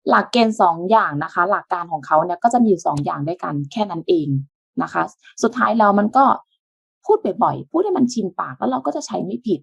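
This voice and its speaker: A woman's voice: medium pitch, very animated, quick pace, gravelly, husky, no room sound. Patient woman teaching a language lesson. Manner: patient step-by-step explaining with soft polite sentence endings.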